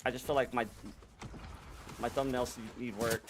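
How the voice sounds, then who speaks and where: A man's voice: medium pitch, little pitch movement, normal speed. Laid-back young male game streamer. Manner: laid-back, talks to chat, slangy. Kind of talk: casual live-stream chatter while gaming. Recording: noisy background.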